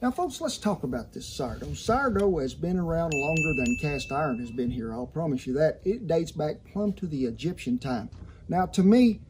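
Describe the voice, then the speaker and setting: On an outdoor patio kitchen in a yard, a cooking show host in his sixties with a Southern American accent teaches a recipe in a folksy, colorful cowboy-storyteller style. His mellow voice is on the high side, recorded on a shirt-clipped lavalier with slight background noise.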